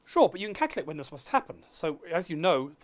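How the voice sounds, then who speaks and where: This is a conversational science lecture in dialogue form, led by a middle-aged astronomy lecturer who breaks things down step by step. He talks at a quick pace, with a fairly high voice that rises and falls a lot.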